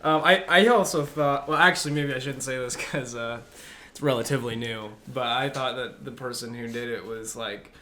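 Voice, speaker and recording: A man's voice: medium pitch, normal speed, sharp tone. A young man hosting a casual podcast chat, talking hesitantly with many fillers and restarts. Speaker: podcast host.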